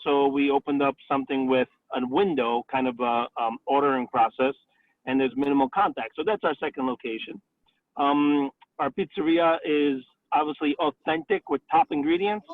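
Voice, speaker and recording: A man's voice: medium pitch, steady tone, normal speed, no echo. A man in his forties, a restaurant owner and chef, talking casually in a career interview and filling his answers with "um" and "you know". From Italy, raised in the Bronx, New York. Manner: chatty, many fillers like "um" and "you know". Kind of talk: career interview over a call. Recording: tinny phone-like line, dry.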